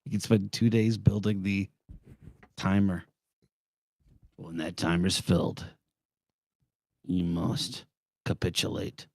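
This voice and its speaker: A man's voice: low-pitched, level tone, takes it slowly, long pauses, darkish tone, no echo, studio quality. A man in his forties, trading blunt, profane jokes in a casual live-stream chat. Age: 40s. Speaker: streamer co-host.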